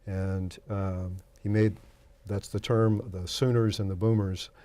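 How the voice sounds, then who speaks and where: Low-voiced older man from Oklahoma. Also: flat delivery, mellow, no echo. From Oklahoma, USA. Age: 60s. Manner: thoughtful, halting with fillers. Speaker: interview guest. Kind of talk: conversational interview answers.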